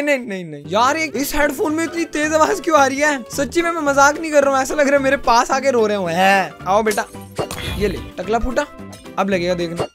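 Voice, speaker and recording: A young man with an Indian accent, a gaming YouTuber, jokes and pokes fun at himself while playing, slipping English into his speech. His voice is very high-pitched and a bit bright, typical of casual gameplay commentary.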